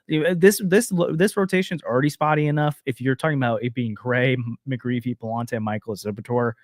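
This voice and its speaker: A man's voice: mid-range voice, fairly even intonation, no echo, studio quality. Man in casual baseball talk. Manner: hedging, filler-heavy, quick restarts. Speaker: podcast co-host.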